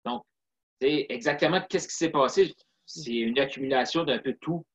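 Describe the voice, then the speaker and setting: A man's voice: medium pitch, normal speed. A man with a Québécois French accent, speaking reflectively and earnestly as an interview guest, often saying "tu sais" and "puis". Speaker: interview guest, sales closer. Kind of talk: casual interview talk. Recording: slightly dull lo-fi sound.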